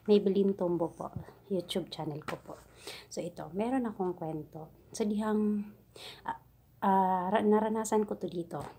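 A very husky, breathy woman with a Cebuano accent tells funny stories in a casual home vlog. Her voice sits dark and mellow, and her delivery is chatty and giggly as she imitates her employer's broken English. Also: fairly low pitch. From Philippines. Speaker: domestic helper and vlogger.

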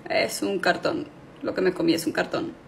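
A woman acting a dry, unimpressed young contestant with a muted, deadpan delivery in a comedy skit. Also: lowish voice, a little fast, gravelly, a little hiss or hum, voice pushed down.

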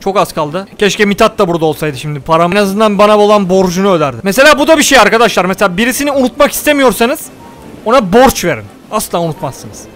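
A man's voice: sits high, lively intonation, fast talker, soft background music. A young man playing a survival game, joking and telling his viewers what he does. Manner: joking, exclaims and scolds the game loudly. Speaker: gaming YouTuber. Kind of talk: comedic let's-play commentary.

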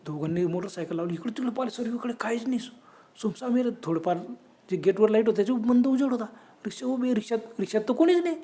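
Male horror storyteller, dark tone, conversational and dramatic. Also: high-pitched, animated, fast talker.

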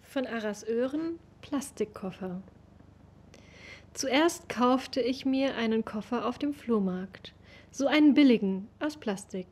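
A young woman giving a slow, measured literary reading, recorded over a webcam in a room at home. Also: fairly high pitch, expressive, a little mellow, breathy edge. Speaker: reader of literary texts.

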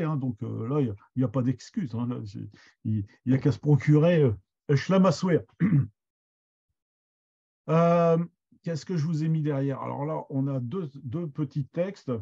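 A man's voice: mid-range voice, creaky, mellow, husky, muffled recording. A middle-aged man teaching an online master class, hesitant and full of restarts. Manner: hesitant, many restarts and fillers. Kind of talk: online lesson, loose explanation.

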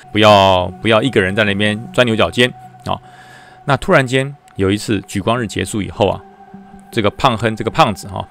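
A middle-aged man with a Taiwanese Mandarin accent tells a ghost story from army life. He is animated and slips into the voices of the people he describes. Faint background music plays under his voice. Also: medium pitch. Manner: animated, acts out characters in dialogue. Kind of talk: spoken storytelling of a military ghost tale.

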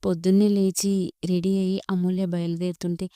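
A woman narrating a romantic storybook in a steady, even reading manner. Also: lowish voice, a little fast, smooth, no echo, studio quality.

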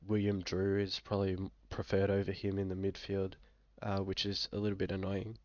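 A young Aussie bloke who's under the weather speaks fairly quickly in a flat, low voice with some fry, occasionally coughing. As a fantasy football vlogger giving casual screen-share commentary from a small indoor room, he's laid-back and hesitant, using lots of fillers. His webcam audio sounds dull, with no echo.

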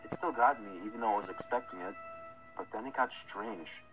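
A man's voice: fairly low pitch, a little fast. A man reading a scripted first-person horror story as its narrator. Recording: music under the narration. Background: music.

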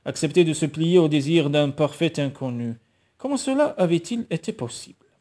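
Un homme qui lit un roman à voix haute, narration posée en donnant une voix à chaque personnage. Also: male voice, a little high, lively intonation, moderate pace, mellow. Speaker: lecteur de roman.

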